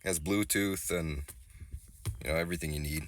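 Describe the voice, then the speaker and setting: Holding his phone in selfie mode, a congested man in his thirties gives a casual walkaround of his car, outside on gravel and then in the small cabin. His low voice stays fairly even and moves at a normal pace, self-deprecating and loose, with a little background noise.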